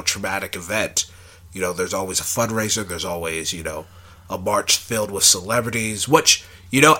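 Bright-voiced young man rambling casually. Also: lowish voice. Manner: rambling, filler-heavy, thinking aloud. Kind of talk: casual film discussion.

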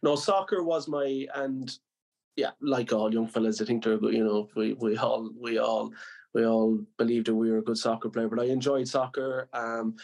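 Limerick guy, west of ireland accent, pretty flat delivery, modest podcast guest just chatting about himself. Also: mid-range voice. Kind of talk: casual interview reminiscence.

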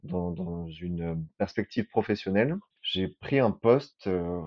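A man in his thirties from southern France, talking about his experience as a podcast guest in a halting way, often restarting and repeating words. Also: low voice, sing-song, vocal fry, dull audio. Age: 30s. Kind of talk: personal testimony podcast.

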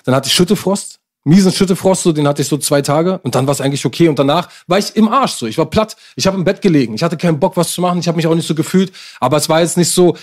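A middle-aged man from Germany, telling stories in a slangy, animated casual chat. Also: on the high side.

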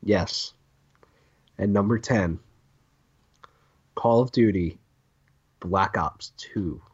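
A man's voice: lowish voice, drawn-out words, slightly rough, muffled recording. A man co-hosting a casual gaming podcast, reading out game lists with stumbles and laughs. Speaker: podcast co-host.

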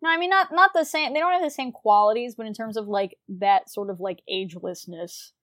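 A woman's voice: on the high side, fairly quick, a bit bright, no room sound. A woman co-hosting a podcast in casual chat, playful and joking, rambling with restarts. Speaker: podcast co-host.

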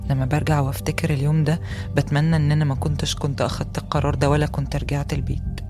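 A woman's voice: low voice, a little mellow, natural voice. A woman with an Egyptian Arabic accent, voicing a young woman in her twenties who earnestly recounts a harsh mother in scripted first-person podcast narration. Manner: earnest and intimate storytelling, rising to agitation in retold fights. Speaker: voice actor reading a personal testimony.

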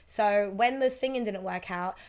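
A woman chatting casually as a podcast guest, telling her story in a colloquial, animated way. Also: mid-range voice, normal speed, clear, resonant tone. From born in UK, raised partly in New York. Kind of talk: casual chat.

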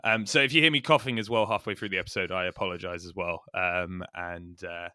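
Hoarse, low-voiced man hosting a podcast. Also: fairly even intonation, brisk, bright, forceful tone, no room sound, clean studio sound. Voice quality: hoarse, croaky voice. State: hoarse after a recent illness. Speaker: podcast host. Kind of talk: casual conversational podcast talk.

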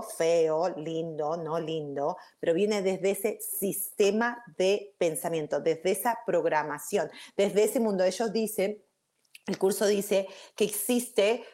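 A woman's voice: medium pitch, mellow. A woman giving an informal spiritual talk to viewers. She rambles with restarts, keeps checking in with 'ok?' and drops English words into her Spanish. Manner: chatty, checks in with frequent 'ok?'. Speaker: spiritual teacher.

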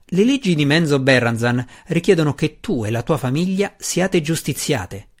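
A man reading the part of a proud, scheming dark elf matron in an audiobook, speaking sharply and insistently. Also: on the high side, animated, normal speed. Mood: stern.

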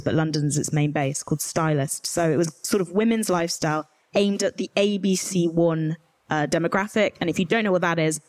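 A woman's voice: lowish voice, dry recording. A young woman from rural Herefordshire with a modern British Received Pronunciation accent, giving candid, informal interview answers with emphatic asides. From rural Herefordshire, England. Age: young adult. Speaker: journalist guest on a panel. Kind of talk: candid conversational interview answers at a live event.

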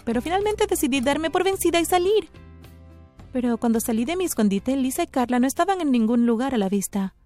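Animated woman narrating a story. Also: high-pitched. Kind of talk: scripted first-person narration.

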